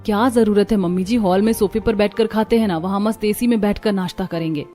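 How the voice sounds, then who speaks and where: A woman's voice: mid-range voice, fairly quick, mellow, close to an everyday voice. A woman voicing a carefree young daughter-in-law in a cartoon, breezy and sometimes pleading. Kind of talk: cartoon voice acting.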